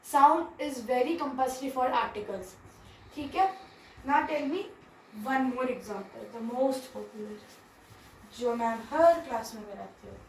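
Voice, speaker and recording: A woman's voice: high-pitched, very slow, reverberant, far from the mic, slight background noise, rough recording. A woman teaching grammar, speaking. She asks the class questions and answers them herself, often checking in with "theek hai". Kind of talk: classroom grammar lesson mixing Hindi and English.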